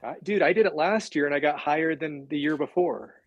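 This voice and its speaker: A man in his forties joining a casual livestream chat, animated and playfully boastful. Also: fairly high pitch, brisk, no room sound, highs cut off. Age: 40s.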